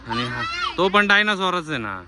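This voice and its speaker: Man, family vlogger, casual outdoor narration, talks to viewers, hurries kids, phone camera, loud street noise. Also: high-pitched, sing-song, moderate pace. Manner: chatty, addresses viewers as friends, hurries the children along. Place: outdoor public garden.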